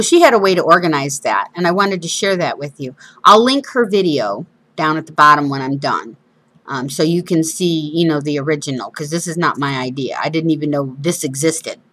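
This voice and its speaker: Seated indoors at a craft table, a woman hosts a craft show with a chatty, casual demonstration. Her voice is on the low side and a bit bright, her s-sounds whistle because of missing front teeth, and she makes informal jokes at her own expense.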